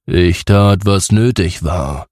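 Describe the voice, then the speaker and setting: A man reading a fantasy story voices a defeated dark ruler, speaking slowly and heavily, his voice muffled as if from inside a helmet. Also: low voice, dry recording, studio quality, voice pushed down. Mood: grim. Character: defeated male dark ruler, grim and unrepentant. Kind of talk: audiobook fantasy narration.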